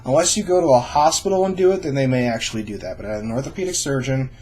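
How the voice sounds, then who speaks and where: A man's voice: mid-range voice, expressive, fast, a little mellow, breathy edge. A young adult man talking informally and reassuringly to camera, explaining things in a casual vlog style. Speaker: vlogger sharing own surgery experience.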